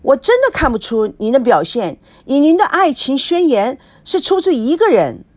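A woman voicing a sharp, relentless female TV talk-show host who presses her guest with probing questions. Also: sits high, big pitch swings, normal speed, pitched above the performer's own voice. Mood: pressing.

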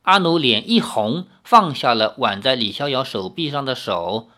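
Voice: medium pitch, expressive, moderate pace, sharp tone. A narrator reading a fantasy novel aloud as an audiobook.

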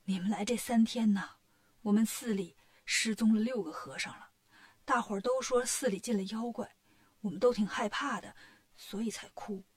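A woman's voice: a little high, moderate pace, natural voice. A woman voicing a frightened, doubtful temple monk who sounds timid and worried. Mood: scared.

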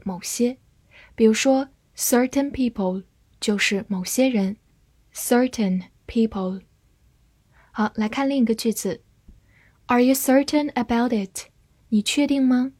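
A woman teaching English vocabulary in a scripted lesson, spelling each word letter by letter and reading example sentences slowly. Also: fairly high pitch, darkish tone, slightly rough, no echo.

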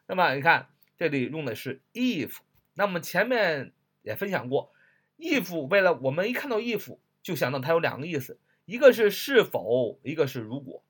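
A man teaching an English writing lesson, explaining a phrase, spelling words letter by letter and repeating them slowly. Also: a little high, husky. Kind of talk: lively recorded lesson.

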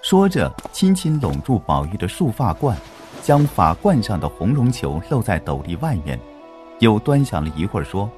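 A man narrating a children's story in an expressive, animated way. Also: on the low side, moderate pace, soft background music.

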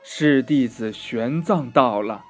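A man voicing a gentle, timid monk who speaks softly and anxiously in a children's story. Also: mid-range voice, slow, faint music behind, pitched below the performer's own voice. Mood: worried. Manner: soft, worried.

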